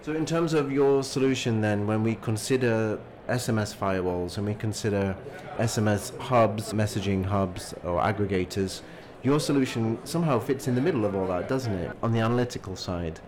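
A man's voice: lowish voice, moderate pace, crowd noise. A man presenting as a podcast host, moving between scripted links and interview questions.

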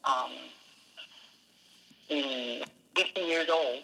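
This Danish dog musher has a mid-range, bright, forceful voice and draws out his words. In a casual interview on a low-quality recording, he answers hesitantly, with lots of fillers and restarts.

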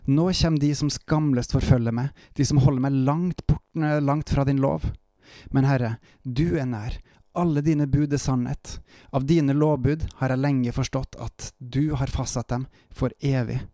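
A man reading psalm verses aloud in a calm, measured way, stopping now and then for short devotional reflections. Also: mid-range voice, dry recording, clean studio sound. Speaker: Bible reader and preacher. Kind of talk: Bible reading with devotional commentary.

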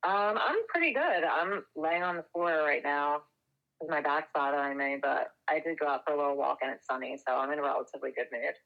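A young adult woman chatting casually as podcast co-host, heard over a speakerphone, relaxed and swearing offhandedly. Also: low-pitched, brisk, creaky, muffled recording. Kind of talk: casual chat.

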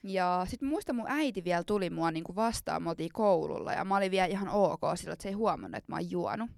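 A woman's voice: fairly low pitch, vocal fry, a little mellow, dry recording. A woman in her twenties telling embarrassing stories in casual chat, often laughing as she talks.

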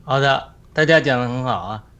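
A man at mid pitch speaks in a measured, conversational way. He keeps checking that his listeners agree with him as he works through his point. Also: sharp tone, clear, resonant tone. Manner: measured, seeks agreement with tag questions. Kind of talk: casual spoken sharing.

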